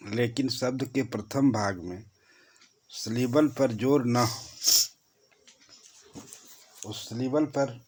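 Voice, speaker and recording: A man with a Hindi accent teaching a grammar lesson, explaining slowly and repeating key points. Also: medium pitch, slight background noise.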